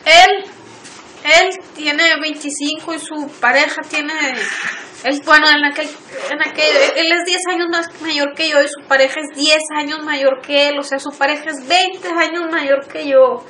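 Woman interviewee, high and bright, earnest, halting delivery with frequent restarts. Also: fairly even intonation, a little hiss or hum, rough recording. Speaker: interviewee recounting abuse. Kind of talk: emotional testimony.

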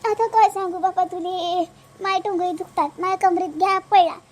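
A woman's voice: very high-pitched, fairly even intonation, normal speed. Woman voicing a nagging old Vidarbha mother-in-law. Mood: complaining. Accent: Vidarbha Marathi. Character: scolding older mother-in-law, complaining about her aches. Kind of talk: cartoon voice acting.

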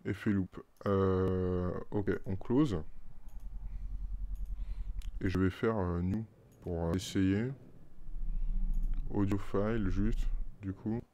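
A male streamer with a French accent, chatting casually on a live stream and muttering to himself with halting restarts. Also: low-pitched, steady tone, warm tone.

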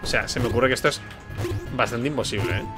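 A man commenting on a video game as he plays, excitable, swearing and repeating himself. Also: mid-range voice, quick pace. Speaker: gaming video host. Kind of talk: let's play commentary. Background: faint game music.

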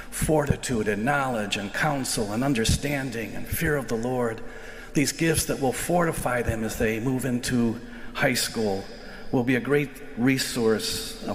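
This is a sermon by an older American man, a priest standing at a lectern inside a large sanctuary. His medium-pitched voice is earnest and thoughtful, easing off the pace on key phrases, while the livestream audio rings with lengthy church reverb.

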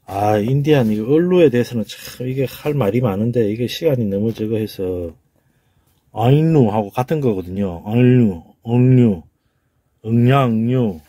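A man's voice: mid-range voice, normal speed, dark tone, no echo. A man with a Gyeongsang Korean accent giving an informal lecture, emphatic, repeating key words and sounding them out.

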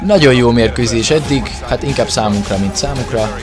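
A Hungarian man commentates his own football video game in an excited, exclamatory way. His voice sits at a medium pitch, and music plays clearly behind him. He stretches words as he follows the play. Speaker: gaming video creator commentating own match.

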